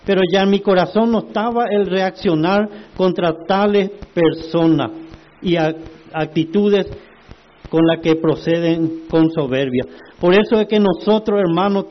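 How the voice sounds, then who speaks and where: A man preaching a sermon, slow and emphatic, asking the congregation rhetorical questions. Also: high voice, muffled recording.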